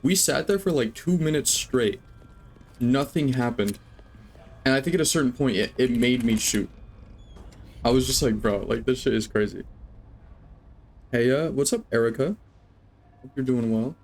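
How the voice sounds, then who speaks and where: A man's voice: mid-range voice, moderate pace, long pauses, slight background noise. A young adult man streaming a game, rambling, joking and swearing as he chats with viewers. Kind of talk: live gameplay commentary.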